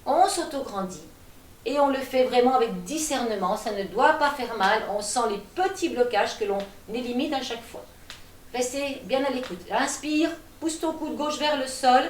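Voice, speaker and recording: High-voiced woman leading gentle gym. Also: normal speed, a little hiss or hum. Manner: calm, cueing breaths, demonstrating as she talks. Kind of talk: guided exercise class. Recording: echoey room, voice from a distance.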